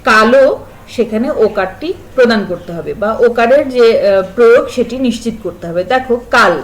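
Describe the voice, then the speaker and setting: A woman teaching a spelling lesson to school pupils, slowly listing example words and stressing their sounds. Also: on the high side, poor audio. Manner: stresses and repeats sounds to show pronunciation.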